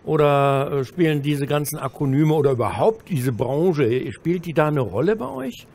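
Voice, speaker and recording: Man moderating a panel, quick quips. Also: a little high, lively intonation, darkish tone, slight background noise. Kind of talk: panel discussion. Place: stage at a trade fair hall. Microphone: handheld mic.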